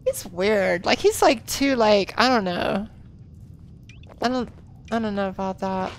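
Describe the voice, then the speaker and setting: A woman's voice: medium pitch, expressive, measured pace, gravelly, slight background noise. A woman streaming a video game, chatting casually, laughing often and swearing freely. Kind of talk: casual gameplay commentary.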